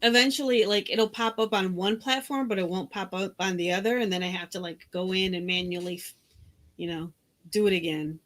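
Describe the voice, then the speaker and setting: A woman's voice: medium pitch, a little fast, fairly bright tone. A woman co-hosting a casual podcast, amused and giggling at her partner's jokes. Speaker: co-host.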